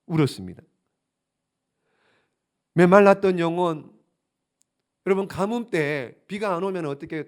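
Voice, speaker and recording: A man's voice: high voice, darkish tone. A male pastor preaching a sermon in a church sanctuary, asking the congregation one rhetorical question after another in a fervent, pleading way. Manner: emphatic, grows more fervent and pleading.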